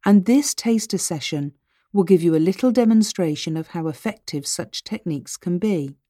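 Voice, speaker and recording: A woman reading a scripted hypnosis narration as presenter, with measured, deliberate phrasing that speaks directly to the listener. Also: fairly low pitch, warm tone, dry recording, studio quality.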